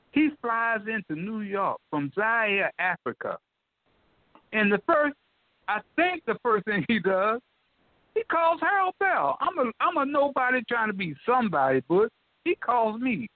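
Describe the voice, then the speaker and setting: An older man telling an animated story in a folksy way, repeating himself and addressing the listener directly. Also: sits high, dry recording. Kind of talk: excited storytelling. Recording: dry, tinny phone line.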